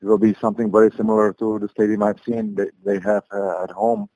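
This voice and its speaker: A man with a Czech accent giving explanatory interview answers as a football correspondent, halting as he searches for words. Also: on the low side, little pitch movement, warm tone, dry recording, poor audio.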